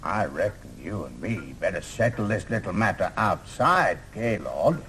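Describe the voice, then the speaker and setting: Young cowboy card sharp, cocky, pitch all over, noisy tv soundtrack. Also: male voice, big pitch swings, a little slow, heavily acted. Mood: challenging. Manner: mock-western cowboy talk. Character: cocky young gunslinger card player in a western sitcom. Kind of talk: TV sitcom acting.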